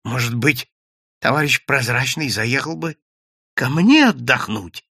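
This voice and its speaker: A timid, fawning office boss who babbles to please, as a male narrator puts him on. His voice is lively and rises and falls a lot. The sound is dry and close. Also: mid-range voice, a little slow, vocal fry, breathy edge, no room sound, heavily acted.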